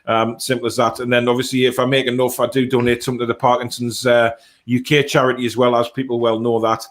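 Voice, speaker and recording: A man hosts a relaxed football fan stream in a medium-pitched voice. He reads out viewer comments, then gives his own opinions bluntly and matter-of-factly. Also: quick pace. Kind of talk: casual chat, reading out viewer comments.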